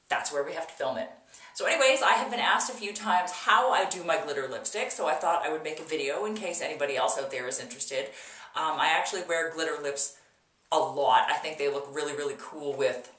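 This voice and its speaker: A woman's voice: sits low, a bit bright. A woman talking through a makeup tutorial in a casual, chatty way, often repeating words for emphasis, recorded in her echoey bathroom. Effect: echoey room sound. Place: home bathroom. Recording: echoey bathroom, mic at a distance.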